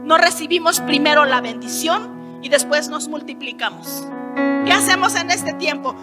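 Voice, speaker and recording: A middle-aged Mexican woman from Hidalgo giving an emphatic sermon testimony, rising to loud declarations. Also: high-pitched, moderate pace. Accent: Mexican Spanish. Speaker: preacher. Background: soft keyboard music.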